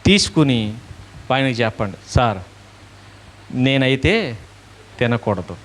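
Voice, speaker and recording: A man's voice: medium pitch, sing-song, takes it slowly, a bit bright, a little hiss or hum. A male preacher giving a sermon, asking questions and answering them himself while acting out little dialogues.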